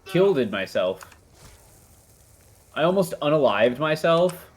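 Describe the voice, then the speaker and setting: A man's voice: on the high side, big pitch swings, slow. A man streaming a video game with a friend, chatting casually in a playful way and laughing often. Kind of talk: casual gaming chat.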